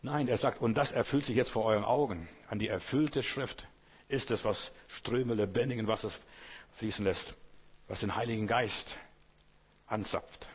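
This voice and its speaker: Guy preaching a sermon, kinda husky voice, big echoey hall, talks right at you. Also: fairly low pitch, normal speed. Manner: direct, addresses listener as du, emphatic repetition. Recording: long hall reverb.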